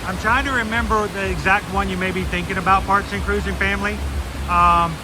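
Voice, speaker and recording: A man chatting casually as a livestream host, self-deprecating, with soft R's that sound like W's. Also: sits high, fairly even intonation, a little fast, background noise. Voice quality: can't pronounce R's, says w for r. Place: outdoors at a theme park. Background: music.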